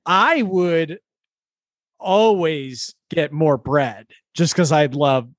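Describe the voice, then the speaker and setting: Man, podcast co-host, casual chat, higher voice, rambling with laughs, dry sound. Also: very slow, dry recording. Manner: rambling, self-interrupting, laughing.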